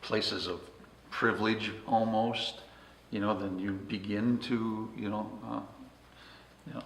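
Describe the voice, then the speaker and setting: A man interviews a guest in a relaxed, halting way, filling gaps with hesitations. His voice is fairly low. The room sounds echoey, with faint noise behind. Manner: hesitant, with many fillers. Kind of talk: casual interview chat.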